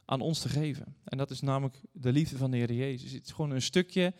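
A man's voice: mid-range voice, a little fast, a little mellow. A man in his thirties or forties preaching a sermon, reading scripture and telling stories earnestly to the congregation. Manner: earnest, storytelling, addresses congregation directly. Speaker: guest preacher. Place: church hall. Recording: long church reverb.

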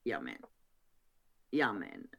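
A woman voicing a plump, cheeky older woman who tells bawdy stories gleefully in a high, animated voice. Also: gravelly, husky, heavily acted.

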